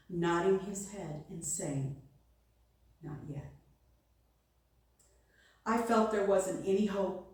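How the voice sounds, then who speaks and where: A woman reading a devotional story aloud in a gentle storytelling manner. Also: medium pitch, heavy reverb, distant mic. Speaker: devotional reader. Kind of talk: slow read-aloud devotion.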